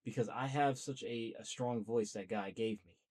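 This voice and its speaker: A young podcast host talks earnestly and at length to camera about starting a podcast, in a loose, chatty solo monologue that's talkative and self-motivating. His voice is medium-pitched with a darkish tone and a moderate pace.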